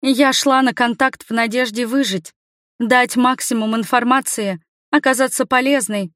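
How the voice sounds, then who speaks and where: A woman narrates a first-person fantasy audiobook in an even, measured reading. Her voice sits fairly high, and the close studio sound is completely dry. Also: dry recording.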